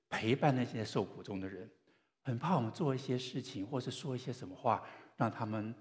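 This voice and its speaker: A man preaching in a church hall, his lowish voice carried by a long reverb. He tells stories in an earnest way and pauses gently between phrases. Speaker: pastor. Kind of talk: sermon.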